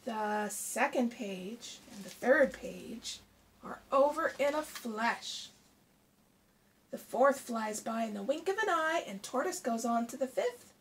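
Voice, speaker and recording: Reading a picture book aloud to children, a middle-aged woman sounds like a primary teacher, expressive and full of questions for them. Her pitch is fairly high and her pace slow. She is in a small room with shelves, recorded by a camera a short way off, with faint noise behind her.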